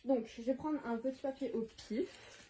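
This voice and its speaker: A teenage girl talks straight to her camera in a chatty, excitable way, quick to laugh. Her voice sits fairly high. The tone is loose and casual, like a home vlog. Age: teens. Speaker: vlogger. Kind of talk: casual prank-call vlog.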